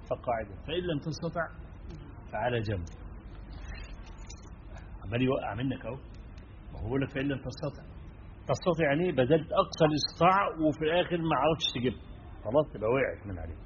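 A man with an Egyptian accent preaching a sermon, turning from emphatic stress to quiet asides and checking in with his listeners. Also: medium pitch, lively intonation, quick pace, long pauses. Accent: Egyptian Arabic. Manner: swings between emphatic and hushed, asks listeners "right?". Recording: dull lo-fi recording with faint noise.

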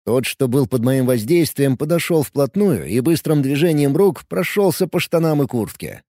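A male audiobook narrator telling a first-person story with a lively, swinging delivery. His voice is mellow and darkish, and the sound is dry and close to the mic. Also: medium pitch, normal speed, no echo.

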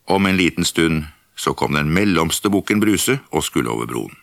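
Male storyteller, low creaky voice, very expressive folktale narration, dry sound. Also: no echo. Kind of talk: animated scripted folktale narration.

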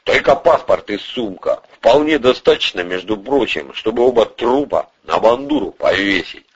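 A man's voice: lowish voice, expressive, moderate pace, husky. A man voicing a tense, middle-aged police colonel who answers tersely and defensively. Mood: guarded. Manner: terse, muttered, defensive replies. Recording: dull lo-fi recording.

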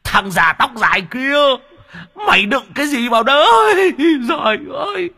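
A man voicing a vengeful trapped ghost spirit with a shrill, screeching voice that shouts threats. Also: big pitch swings, normal speed, slightly rough, exaggerated voice. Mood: disgusted wailing. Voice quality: shrieking, screeching.

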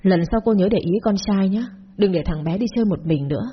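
A husky-voiced woman voicing a protective young male neighbor who speaks firmly and asks pointed questions in a storybook tale. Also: high voice, fast, highs cut off. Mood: scolding. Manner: firm, questioning.

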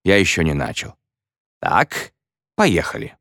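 Storybook teacher, read by a man: wry, encouraging, lively low voice. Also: a little slow, no room sound, clean studio sound, full character voice. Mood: wry, teasing. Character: good-humored male schoolteacher, joking with class.

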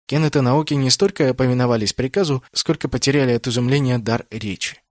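A man reading a fantasy novel aloud as an audiobook narrator, in steady, even storytelling. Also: mid-range voice, fast, no echo, clean studio sound. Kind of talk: scripted narration.

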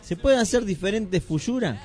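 Excitable argentine dude cohosting radio, high-ish voice, quiet music under. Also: male voice, moderate pace. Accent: Rioplatense Spanish. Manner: excitable, eager, keeps agreeing. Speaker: radio co-host. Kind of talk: casual radio banter. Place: radio studio.

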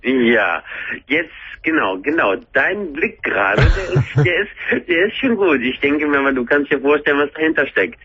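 A man's voice: on the high side, animated, normal speed, husky, dry recording. A man in his mid-thirties from near Düsseldorf, calling a radio show and talking hesitantly with many fillers. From near Düsseldorf, Germany. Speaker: caller. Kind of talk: phone call to a radio talk show. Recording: tinny phone line on radio.

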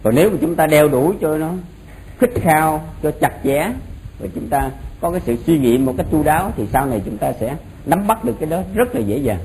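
Man teaching, slightly high voice. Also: expressive, a little fast, darkish tone, poor audio. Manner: repeats phrases for emphasis. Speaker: Buddhist monk teaching a doctrine class. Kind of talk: informal explanatory lecture. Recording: noticeable background noise.

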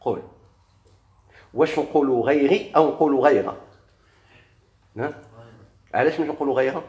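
Echoey Moroccan grammar teacher quizzing students. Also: male voice, medium pitch, a little mellow. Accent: Moroccan Arabic. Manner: quizzes students, drags out example words slowly. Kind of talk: classroom grammar lesson.

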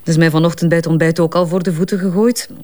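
Her voice is low-leaning, mellow and steady, with a natural quality, as she voices a brisk, candid advertising strategist with a Flemish accent. In this naturalistic crime drama the character gets defensive under police questioning, sounding frank and defiant.

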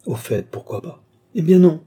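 A man reading an audiobook, voicing an old, scheming nobleman marshal who mocks and bursts into sharp exclamations. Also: fairly high pitch, big pitch swings, moderate pace, slightly rough, voice pushed up, exaggerated voice. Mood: musing. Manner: exclamatory, mocking, rising to sharp outbursts. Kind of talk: audiobook reading of a classic novel.

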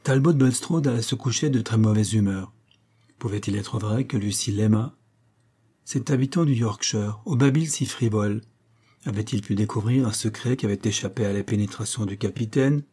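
A man narrating a classic novel as an audiobook, reading in a measured, expressive way. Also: fairly low pitch, breathy edge. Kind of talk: scripted literary narration.

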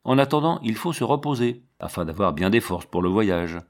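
A man voicing a hardworking, steady teenage older brother in a storybook reading, earnest in tone. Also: on the low side, moderate pace.

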